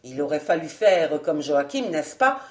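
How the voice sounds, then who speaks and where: A woman's voice: sits low, very animated, moderate pace, reverberant, pitched below the performer's own voice. A woman voicing a grumbling, sleepy old male steward who mutters sulkily. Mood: sulky. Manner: muttering, sulky.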